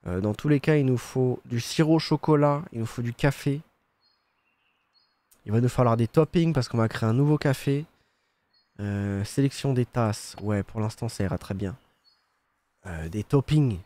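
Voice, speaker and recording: A man's voice: mid-range voice, warm tone, dry recording. A young man chats over his gameplay in a mid-range voice, cracking sarcastic jokes and swearing freely. He hums little sound effects as he plays. The recording is dry and close to the mic. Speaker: gaming streamer. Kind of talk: casual let's-play commentary.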